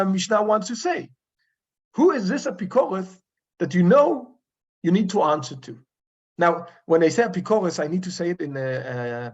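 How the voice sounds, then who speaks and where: A male rabbi leads an informal Torah study session, his voice sitting a little high with a gravelly fry. He speaks haltingly, pausing often as he reaches for the right word. The recording sounds dull and lo-fi. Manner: halting, searching for English words with frequent pauses. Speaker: rabbi teaching a Torah class. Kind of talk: informal study-group lecture.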